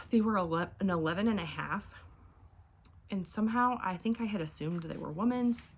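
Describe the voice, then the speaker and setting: In a husky, medium-pitched voice at normal speed, a woman in her forties chats casually at home while packing orders. She's an online clothing reseller who rambles and frequently trails off mid-thought.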